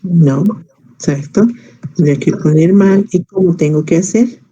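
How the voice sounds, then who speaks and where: A man's voice: a little high, a little slow, mellow, slightly rough, dull audio. A man teaching an English grammar class in Spanish, explaining patiently step by step and quizzing his students.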